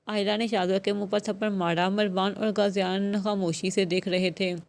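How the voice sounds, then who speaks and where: A woman narrating a romance novel aloud, steady and measured, with a mid-range voice. Her pace is even and the delivery scripted. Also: medium pitch, gravelly. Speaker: novel reader.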